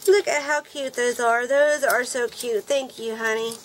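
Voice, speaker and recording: A middle-aged woman who gushes with excitement and thanks the sender over and over as she unboxes swap gifts in a casual chat. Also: on the high side, unhurried, slight background noise, rough recording. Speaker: nail art vlogger opening a swap package.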